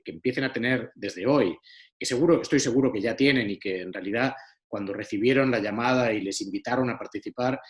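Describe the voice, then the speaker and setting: Guy giving a talk over a video call, earnest, lots of ehs and restarts. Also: medium pitch. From Spain. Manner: earnest, repetitive, many fillers. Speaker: speaker on deliberative democracy. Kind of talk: online talk to citizens' assembly.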